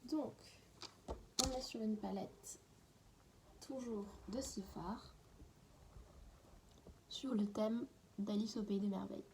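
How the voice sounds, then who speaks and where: A woman's voice: mid-range voice, slow pace, long pauses, noisy background. A woman in a casual, unedited beauty haul, chatting away and often dropping into a half-whisper. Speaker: beauty vlogger.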